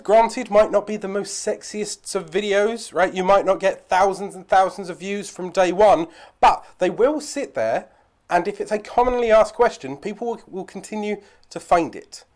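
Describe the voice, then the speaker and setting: A man hosting his own video channel, giving chatty advice straight to camera with rambling asides. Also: high voice. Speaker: YouTube channel host. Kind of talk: direct-to-camera advice vlog.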